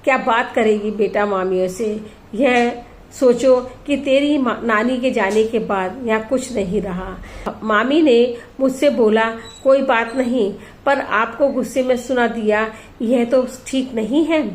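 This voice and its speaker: A woman reading as a hurt, gentle mother. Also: on the high side, unhurried, natural voice. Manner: pleading, soft and reasonable. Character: hurt, gentle mother visiting her family home. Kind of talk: storybook reading with character voices.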